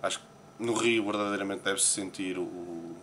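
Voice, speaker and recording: A man's voice: low voice, fairly even intonation, normal speed, fairly bright tone, a little hiss or hum. A man from Portugal with a European Portuguese accent, chatting casually in an interview and commenting on newspaper headlines with frequent hesitations. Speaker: poker player interviewee. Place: Las Vegas, morning.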